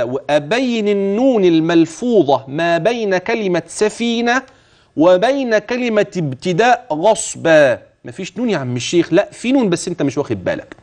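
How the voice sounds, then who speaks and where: A high-voiced man with an Egyptian Arabic accent teaches Quran recitation in a TV lesson. His pitch swings widely as he stretches each verse out slowly and tunefully. Between verses he explains the rules in fast, chatty colloquial speech, asking himself questions as if coaching a student. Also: darkish tone. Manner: slow, drawn-out melodic recitation alternating with quick, chatty colloquial explanation. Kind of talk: tajweed lesson for a religious TV channel.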